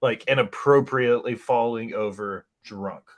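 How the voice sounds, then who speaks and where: A man in casual chat on a stream, teasing his friends and swearing freely in quick banter. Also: mid-range voice.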